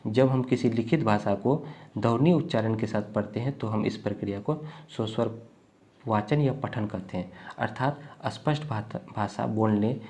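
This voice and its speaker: A man from the teaches an exam-prep lecture while unwell. He explains slowly and repeats himself, often checking in with "thik hai". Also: on the low side, darkish tone. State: unwell, coughing.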